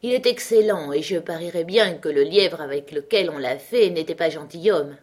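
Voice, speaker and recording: A woman's voice: low-pitched, moderate pace, darkish tone. A woman reading aloud, voicing a witty male country surgeon who answers insults with cool mockery. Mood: dry mocking. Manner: cool, mocking wit.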